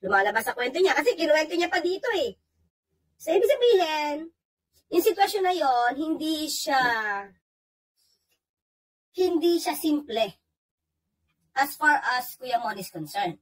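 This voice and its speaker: A woman's voice: high-pitched, lively intonation, unhurried, pauses often, rough recording. A woman co-hosting a casual talk show, reading English passages aloud and commenting on them in Tagalog. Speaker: co-host.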